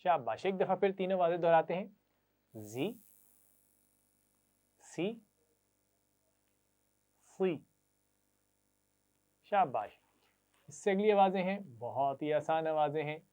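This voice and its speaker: A man, teaching children Quran reading, slowly drilling sounds and asking them to repeat after him with praise. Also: fairly high pitch, animated, dark tone, clear, resonant tone. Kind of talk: children's recitation lesson. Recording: tinny phone-like lo-fi audio.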